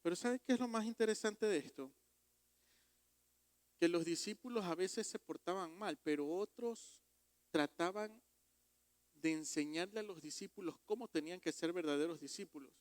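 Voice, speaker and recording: A man preaching a sermon as pastor, emphatic and rising to loud exhortations. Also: high-pitched, normal speed, dry recording. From Ecuador.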